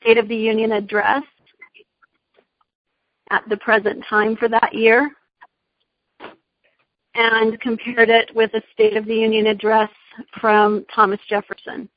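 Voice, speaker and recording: A woman teacher talks through questions in a relaxed discussion, pausing often with fillers. Her voice sits fairly high and stays flat in pitch. The sound is dry and somewhat dull. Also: no echo. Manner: friendly, hesitant with fillers. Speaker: teacher giving advice. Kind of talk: casual Q&A discussion.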